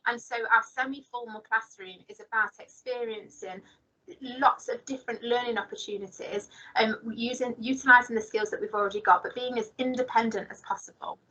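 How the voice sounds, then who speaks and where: A woman's voice: a little high, steady tone, a little fast, bright, forceful tone, dull audio. A woman teaching at a special school, presenting earnestly over a video call whose audio keeps cutting out, with many fillers and restarts. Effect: video call audio breaking up and cutting out. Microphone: laptop or speaker on a video call.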